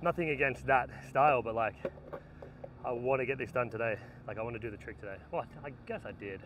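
A worn-out man in his thirties mutters to himself between attempts at an outdoor skate spot, his voice at an ordinary pitch. He sits some distance from a camera mic, and outdoor noise runs clearly underneath. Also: quick pace, a bit bright. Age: 30s. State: tired and worn out. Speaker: skateboarder vlogger. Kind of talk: casual self-talk while filming. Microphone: camera mic set up at a distance.

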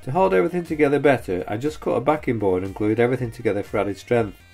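Over faint background music, a man in his forties voices a scripted narration for his woodworking channel. His medium-pitched voice is gravelly and darkish, and he talks fast. The delivery is straightforward, and he's openly critical of his own work.

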